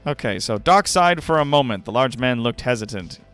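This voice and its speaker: Hosting a livestream, a man gives a dramatic reading of fan fiction and throws in wry, sweary comments to his viewers. His medium-pitched voice is expressive, brisk, and a bit bright, with faint music playing behind.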